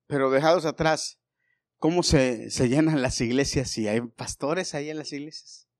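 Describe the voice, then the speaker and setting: A man preaching a sermon in a church, swinging between loud exhortation and hushed storytelling. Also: mid-range voice, moderate pace.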